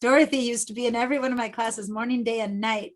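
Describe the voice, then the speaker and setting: A woman's voice: on the high side, fairly even intonation, fast talker. A woman from Argentina, a native Spanish speaker, teaching an illustration class online over a video call with a headset, chatty and given to rambling asides. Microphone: Bluetooth headset on video call.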